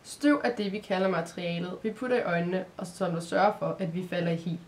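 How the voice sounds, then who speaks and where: A woman voicing a gentle, sad male creature who talks softly and patiently, as if explaining to a child. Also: on the low side, natural voice. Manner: patient, explaining, soft-spoken.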